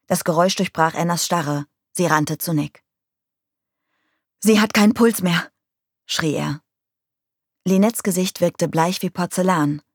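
A woman reading a crime novel aloud in a calm, measured narrating voice. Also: deep voice, no echo, studio quality.

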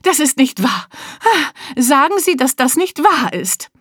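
A blustering, hot-tempered rich man shouts and rants indignantly in a storybook reading, as a woman puts him on. His voice is pushed up high and loud, swinging wildly in pitch. The sound is close and dry. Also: very animated, unhurried, dry recording. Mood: shocked, outraged.

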